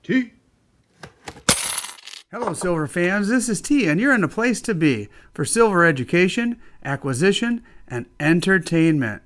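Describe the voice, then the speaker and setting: A man's voice: high-pitched, sing-song, unhurried, a bit bright. A man from northwest Indiana hosting his own video channel, talking in an upbeat, friendly way with frequent "uh" fillers. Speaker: channel host. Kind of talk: casual video narration.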